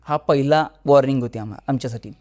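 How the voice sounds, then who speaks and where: A man's voice: mid-range voice, quick pace, a little mellow. A man, a podcast guest, telling a first-person horror story in a conversational way, with restarts, acting out what people said. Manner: vivid, acts out dialogue.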